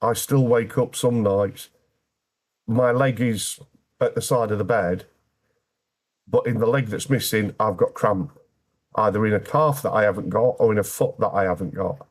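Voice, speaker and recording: A man's voice: fairly low pitch, moderate pace. A British man speaking as an interview guest, telling his personal story candidly in a plain-spoken way with dry, wry humour.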